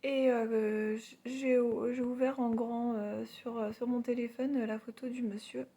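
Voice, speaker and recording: A woman with a heavy cold, her nasal voice hoarse and giving out, chats casually and haltingly to her followers in a self-deprecating way. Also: a little high, flat delivery, dark tone. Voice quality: hoarse, worn voice with little power; nasal, congested. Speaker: spiritual medium vlogger. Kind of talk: casual personal storytelling to followers.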